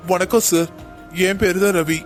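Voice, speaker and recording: A man's voice: high-pitched, fairly even intonation, moderate pace, over loud music, close to an everyday voice. A man voicing a cocky young cartoon cop. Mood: pleading. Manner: boastful, argumentative. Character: cocky young male police officer. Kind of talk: cartoon dubbing.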